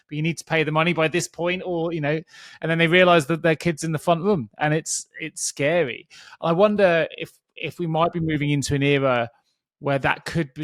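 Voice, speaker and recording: A man's voice: fairly high pitch, a bit bright, no echo, clean studio sound. Chatty man hosting a podcast. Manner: conversational, many restarts, thinking aloud. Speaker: podcast host. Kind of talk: casual podcast conversation.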